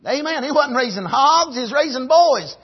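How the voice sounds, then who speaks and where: A man's voice: very high voice, lively intonation, moderate pace. A middle-aged man with an Appalachian accent preaching in a folksy storytelling style, repeating and restarting phrases for emphasis. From rural United States, grew up on a farm. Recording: dull, lo-fi sermon recording.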